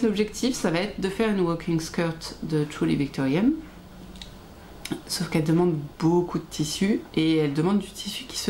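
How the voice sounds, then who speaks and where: A woman's voice: fairly low pitch, darkish tone. A woman in her thirties chatting casually and enthusiastically as a vlogger, with many fillers and laughs. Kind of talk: casual chat. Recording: echoey room with faint ambient noise.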